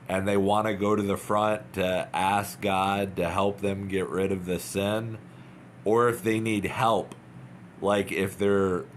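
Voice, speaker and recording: Slow, earnest man urging, low voice. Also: slight background noise. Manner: earnest, urging, repetitive, halting. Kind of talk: informal devotional talk, unscripted.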